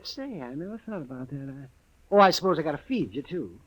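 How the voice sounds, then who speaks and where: An American actor playing a crusty, grumbling older town doctor in an old-time radio western. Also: male voice, fairly high pitch, big pitch swings, a little fast. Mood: grudging. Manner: querulous, grumbling, folksy.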